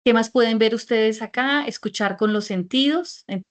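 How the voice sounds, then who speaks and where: A woman's voice: fairly high pitch, moderate pace. A middle-aged woman giving an online class lecture over a video call, explaining step by step and checking in with her listeners through frequent rhetorical questions. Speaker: teacher. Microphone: computer mic on a video call.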